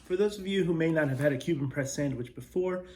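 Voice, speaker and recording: A man reviewing snacks as a video host, talking casually and chattily with pauses to taste and thoughtful hums. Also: fairly high pitch, darkish tone.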